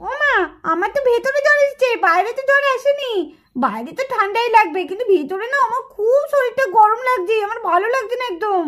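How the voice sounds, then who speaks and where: Brief: woman as sulky little puppet girl, very high, pleading whine. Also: lively intonation, fast talker, fairly bright tone. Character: whiny stubborn little girl faking illness. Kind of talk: puppet-show cartoon voice.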